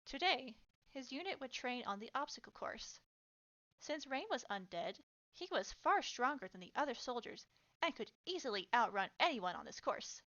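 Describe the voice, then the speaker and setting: Woman, fanfiction reading, steady narration, bright tone, dull lo-fi sound. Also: a little high, normal speed. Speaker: fanfiction reader.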